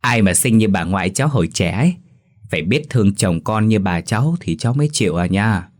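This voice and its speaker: A man voicing an affectionate, curious young grandson who talks in a lively, playful way in an audio story. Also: on the low side, brisk, close to an everyday voice.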